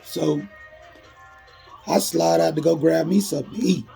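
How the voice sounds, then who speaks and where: A man's voice: fairly high pitch, steady tone, moderate pace, gravelly, warm tone, soft background music. A man casually narrating a storytime in street slang, laid-back and full of "you know".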